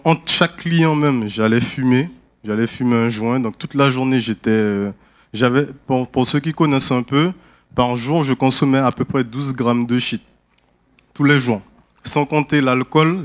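A man speaks in a candid, conversational way, pausing often as he gives a personal testimony. His voice sits at an ordinary middle pitch for a man, and the setting is a church service. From French Guiana.

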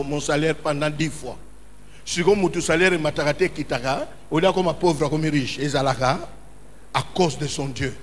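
A man's voice: fairly high pitch, a little hiss or hum. A man preaching a sermon as pastor in a church hall, impassioned and calling out in emphatic bursts. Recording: reverberant hall with faint ambience.

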